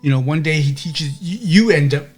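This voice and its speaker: Guy running a tabletop game, kinda high voice, rambly, keeps saying okay. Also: fairly even intonation, brisk, breathy edge, soft background music. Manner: rambling, with many restarts and "okay?" checks. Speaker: game master.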